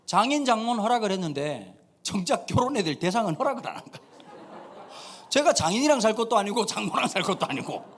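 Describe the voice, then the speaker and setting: A pastor in his thirties preaches a humorous sermon in a church sanctuary, telling animated stories and acting out the dialogue. His voice is high and his pace quick. There's a little hiss or hum.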